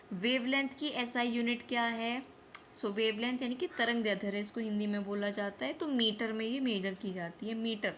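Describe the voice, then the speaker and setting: A woman teacher running a quick exam revision lesson, asking each question and repeating the answer so it sticks. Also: a little high, a little hiss or hum. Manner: repeats each answer, mixes Hindi with English terms. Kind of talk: fast quiz-style revision lesson.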